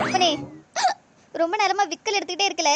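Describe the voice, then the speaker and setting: A woman's voice: very high voice, steady tone, brisk. A woman voicing a complaining, demanding village mother-in-law in a comedy cartoon, plaintive, with a southern Tamil Nadu accent. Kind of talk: comedy skit voice acting.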